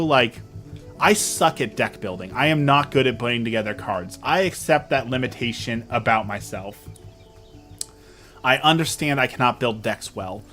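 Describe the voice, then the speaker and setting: Animated, self-mocking man chatting on stream. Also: medium pitch. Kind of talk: casual chat with live chat.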